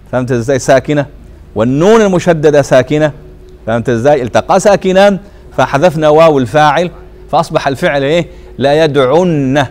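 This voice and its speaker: A man from Tunisia teaching a grammar lesson. He keeps asking the class short questions and answers them himself, and he drags the example words out slowly and says them twice. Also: fairly high pitch. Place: teaching circle in a mosque hall.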